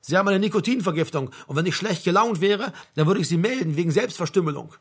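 A man voicing a blunt, mocking old male doctor with a gruff, brusque manner. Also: high-pitched, expressive, quick pace, full character voice. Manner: gruff, brusque, with a bleating laugh.

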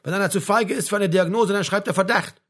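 A man voicing a blunt, mocking old male doctor with a gruff, brusque manner. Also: high-pitched, fast talker, pitched above the performer's own voice. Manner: gruff, brusque, with a bleating laugh.

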